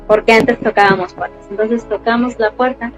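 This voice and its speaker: A woman with a Mexican accent, a panelist telling a story in a gentle, affirming way. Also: fairly high pitch, steady tone, normal speed, lo-fi sound, faint music behind. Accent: Mexican Spanish. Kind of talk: conversational storytelling.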